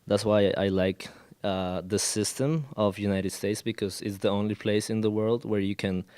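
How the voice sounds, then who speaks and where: A man's voice: on the low side, fairly even intonation, normal speed, a little mellow, smooth, dry recording. A man in his twenties from Colombia, a Spanish speaker using English as a second language, speaking as a guest in a casual interview and hesitating often with fillers and restarts. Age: 20s. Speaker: guest, college student.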